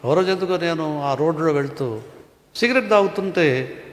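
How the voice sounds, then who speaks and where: A man preaching a sermon as pastor, asking the congregation rhetorical questions and swinging between loud and hushed delivery. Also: on the high side, expressive, normal speed. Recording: echoey hall.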